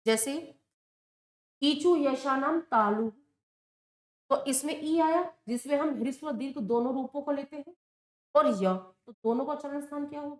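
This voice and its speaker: A woman's voice: high voice, fairly quick, darkish tone, roomy sound. A woman teaching a Sanskrit grammar lesson for exam preparation. She speaks patiently and asks the class questions that she then answers herself. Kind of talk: exam-prep lesson at a board.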